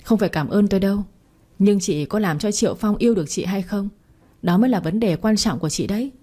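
A woman's voice: medium pitch, fast, dark tone, breathy edge, natural voice. A woman voicing a frightened young woman who pleads urgently. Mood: pleading.

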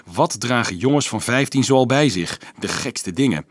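A man reading a children's novel aloud as an audiobook narrator, in a steady storytelling manner. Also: medium pitch, normal speed, no room sound. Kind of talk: scripted narration.

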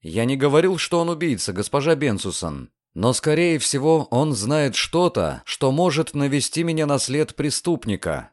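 A man voicing a calm, inquisitive young lawyer in an audiobook, measured and probing. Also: mid-range voice, no echo, clean studio sound, pitched above the performer's own voice, lightly acted.

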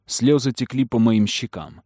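A man narrating a story in the first person in a calm, even manner. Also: mid-range voice, moderate pace, no echo, studio quality. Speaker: audiobook narrator.

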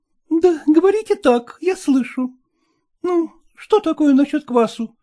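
A man voicing a sly, coaxing housekeeper woman in a chattering falsetto for an audiobook. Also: animated, measured pace, mellow. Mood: scolding. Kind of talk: audiobook character voice.

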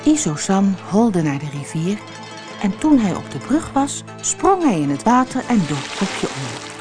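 A woman from the Netherlands reading a children's fairy tale aloud with expressive storytelling. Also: mid-range voice, unhurried, over music. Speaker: narrator.

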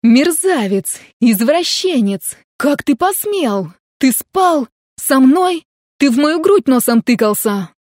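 A woman voicing a hot-tempered, blunt young woman in an audiobook, shouting indignantly. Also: high-pitched, lively intonation, slow pace, no echo, clean studio sound, voice pushed up. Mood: furious.

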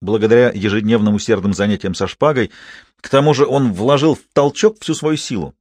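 A man narrating an audiobook in a measured, even storytelling manner. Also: lowish voice, no echo. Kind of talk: scripted narration.

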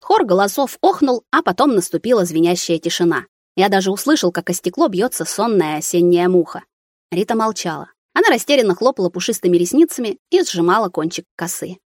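A woman reading a first-person novel aloud in a measured, steady way. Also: mid-range voice, no echo, studio quality. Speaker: audiobook reader. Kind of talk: scripted first-person narration.

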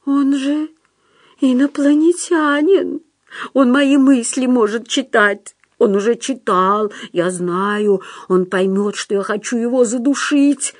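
A woman's voice: medium pitch, a little slow, few pauses, dry recording, clean studio sound, close to an everyday voice. A woman voicing a timid, frightened young male psychiatric patient who whimpers shrilly on the edge of tears.

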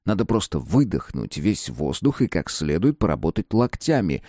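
Low, expressive male audiobook narrator. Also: moderate pace, no room sound, clean studio sound. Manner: expressive dramatic reading. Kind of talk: scripted narration.

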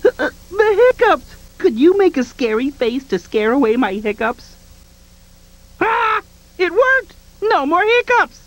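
Face, a giggly cartoon face. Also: female voice, sits high, dry recording, exaggerated voice. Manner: giggly, playful, talks to kids. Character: cheerful giggly cartoon face, childlike joker. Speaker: kids' channel mascot. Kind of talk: children's TV cartoon bumpers. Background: music.

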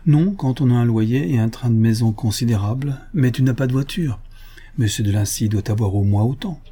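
Man as devoted father, indignant, forceful, mellow tone, husky. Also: medium pitch, a little fast, natural voice. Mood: indulgent. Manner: indignant, forceful when roused. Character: devoted, quick-tempered older father.

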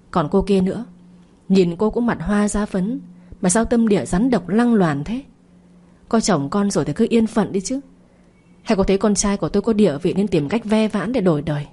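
A woman's voice: medium pitch, dark tone, breathy edge. A woman voicing a domineering older mother who scolds harshly, in an audio story reading. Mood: scolding.

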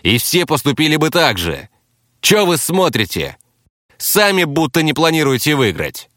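A man's voice: a little high, sing-song, normal speed, fairly bright tone, dry recording, clean studio sound, pitched above the performer's own voice. A man voicing a crude, swearing captive thug. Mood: snarling. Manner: coarse, swearing, blustering, addresses others as brother. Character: crude defiant male captive gang fighter.

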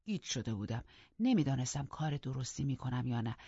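An audiobook narrator telling a novel in the first person, in a measured storytelling manner that drops to a hush at times. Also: medium pitch, sing-song, husky, dry recording. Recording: dull lo-fi audiobook recording.

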